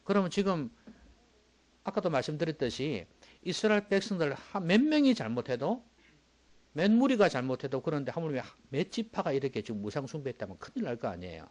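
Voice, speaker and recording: A man preaching a sermon as pastor, moving between quiet low asides and loud emphatic bursts and asking the congregation rhetorical questions. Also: big pitch swings, a little fast.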